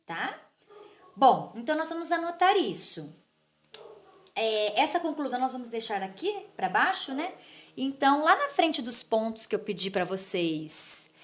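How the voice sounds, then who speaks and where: Slow, patient higher-voiced woman teacher. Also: sharp tone. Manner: patient, repeats and checks in with "tá?". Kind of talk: slow classroom explanation to children.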